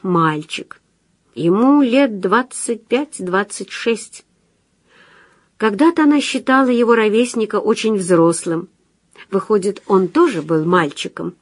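A woman reading a novel aloud with calm, steady storytelling. Her voice sits in an ordinary middle pitch, recorded close and dry with no room sound. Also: a little slow, breathy edge, dry recording. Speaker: audiobook narrator. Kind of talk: scripted literary narration.

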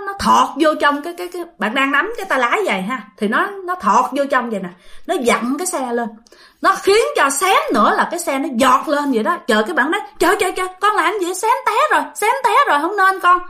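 A woman with a Southern Vietnamese accent tells a ghost story in a casual, chatty way, often turning to her listeners and repeating herself. Her voice sits high and swings widely, with a bright, sharp tone. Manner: chatty, addresses listeners directly, repeats phrases.

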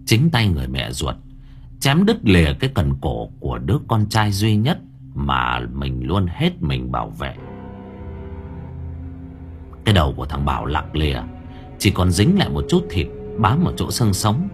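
A man's voice: very deep voice, normal speed. Man narrating a horror story dramatically. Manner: dramatic, expressive delivery. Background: faint background music.

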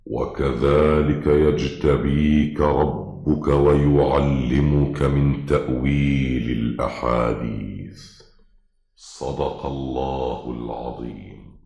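A man's voice: a bass voice, steady tone, slow pace, gravelly, mellow, exaggerated voice. A man reciting scripture in a solemn, reverent manner. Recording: echoing reverberant sound.

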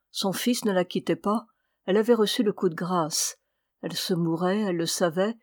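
A woman's voice: mid-range voice, darkish tone, dry recording, clean studio sound. Woman narrating a literary audiobook.

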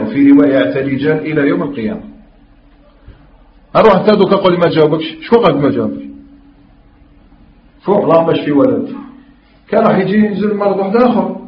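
A man with an Algerian Arabic accent teaches at a fast pace, pressing his listeners with questions and quoting scripture. The sound is roomy and echoey, with a dull lo-fi tone and faint hiss behind it. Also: fairly high pitch, lively intonation. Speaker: religious teacher. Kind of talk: Islamic lesson in mixed Algerian dialect and classical Arabic. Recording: echoey, dull lo-fi room recording.

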